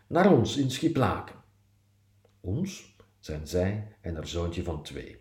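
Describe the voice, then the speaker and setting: A man's voice: deep voice, mellow, echoey room. A man reading his personal column aloud, with a dry, self-mocking irony.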